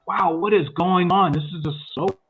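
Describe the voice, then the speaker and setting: A man's voice: sits high, moderate pace, noisy background. A man hosting a livestreamed movie review chat, rambling along with frequent fillers and restarts.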